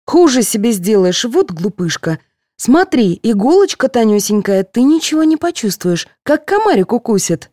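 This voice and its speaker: A woman voicing a kindly, fussing head nurse who coaxes and gently scolds a patient. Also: a little high, very animated, normal speed, no room sound, clean studio sound, voice pushed up. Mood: scolding.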